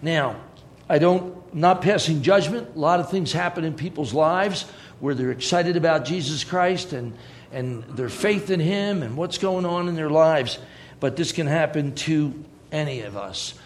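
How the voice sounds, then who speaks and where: A man's voice: fairly high pitch, a little slow. A man preaching a sermon in a conversational way, with joking asides.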